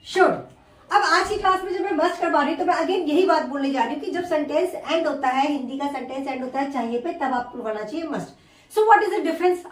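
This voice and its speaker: A woman teaching an English grammar lesson, explaining slowly and repeating each example word by word. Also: sits high. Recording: echoey room, far from the mic.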